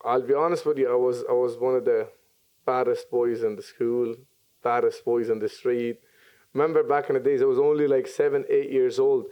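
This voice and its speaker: Relaxed young man, mellow low tone. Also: normal speed, clear, resonant tone, dull audio. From Syria. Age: 20s. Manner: hesitant, many ums and restarts. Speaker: podcast guest, business owner. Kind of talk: casual interview chat.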